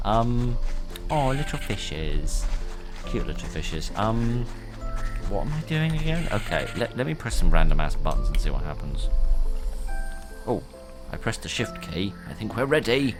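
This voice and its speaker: British guy rambling over a video game, wry, lowish voice, music going behind him. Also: big pitch swings, unhurried. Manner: wry, rambling, self-interrupting. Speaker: gamer commentating. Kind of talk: casual let's play commentary.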